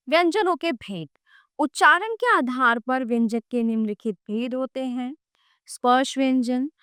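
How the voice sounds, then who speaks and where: Slow, clear-voiced woman teaching grammar. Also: fairly high pitch, no echo, clean studio sound. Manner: slow, deliberate listing of letters with classroom asides. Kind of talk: reading a grammar lesson aloud.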